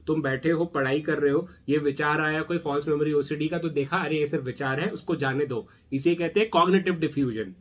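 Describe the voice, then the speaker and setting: A man's voice: fairly high pitch, dull audio. A man hosting his own channel, explaining OCD treatment in a casual, direct way that mixes in English terms.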